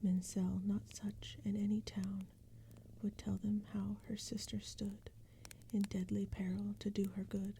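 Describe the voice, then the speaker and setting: This ASMR poetry reading comes from a woman whose mid-range voice stays in a breathy, mostly unvoiced whisper. Slow and gentle, she tells it evenly, never hurrying. A faint, constant soundscape of forest and a crackling fire sits underneath.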